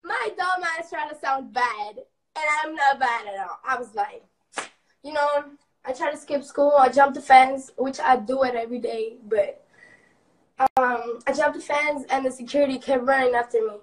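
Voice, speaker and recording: A young woman livestreaming, telling a school story in a brash, profane, animated way. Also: high-pitched, moderate pace, recorded from a distance, low-quality recording. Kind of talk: casual storytelling.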